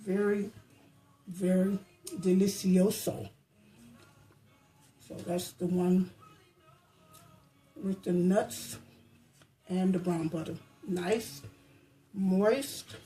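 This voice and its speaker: A woman with a mellow, soft-edged voice chats casually in her home kitchen as she bakes and samples her treats. She hums as she savors each bite and talks with her mouth full, in a relaxed, chatty way. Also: fairly low pitch, very slow, pauses often, faint music behind, low-quality recording. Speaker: baking vlogger. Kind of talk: casual chat.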